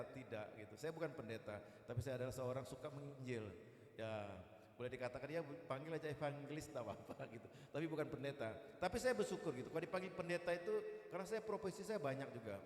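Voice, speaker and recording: A guest evangelist from East Kalimantan, Indonesia, speaks to a church in a chatty, jocular sermon style, repeatedly tagging his lines with "gitu." His voice is medium-pitched and he talks fast. The hall is echoey, with a long reverb.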